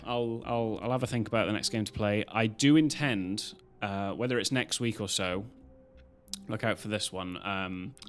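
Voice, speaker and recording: A man's voice: fairly low pitch, a bit bright. A British man chatting casually as a live streamer, in a loose, rambling way with some casual swearing. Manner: rambling, loosely strung-together talk.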